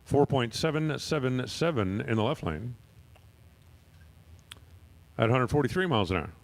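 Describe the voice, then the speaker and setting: A man's voice: medium pitch, animated, moderate pace. A man announcing drag races at the track, reading times and speeds and joking between runs. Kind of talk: drag race commentary. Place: outdoor drag strip.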